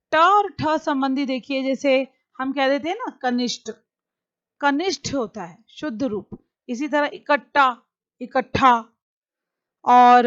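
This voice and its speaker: A woman's voice: high-pitched, fairly bright tone, dry recording, muffled recording. A woman teacher giving a grammar lesson, explaining patiently and repeating each example word.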